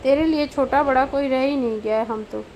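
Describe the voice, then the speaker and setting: A woman reading the part of a bitter, scolding old mother in an audiobook, with shrill indignation. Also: brisk, a little mellow, a little hiss or hum, low-quality recording. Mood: angry scolding.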